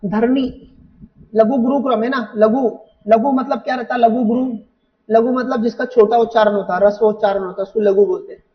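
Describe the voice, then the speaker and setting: A male teacher with a high voice goes through exam questions, repeating each point and asking his students rhetorical questions. He sounds a little away from the mic, and the recording is muffled and dull. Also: fairly even intonation, fairly quick, far from the mic. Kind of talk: exam paper walkthrough lesson.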